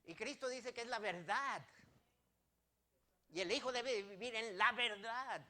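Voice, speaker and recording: A man's voice: very high voice, a little slow, bright, forceful tone. A male pastor preaching a sermon, rising to emphatic declarations and putting direct questions to the congregation.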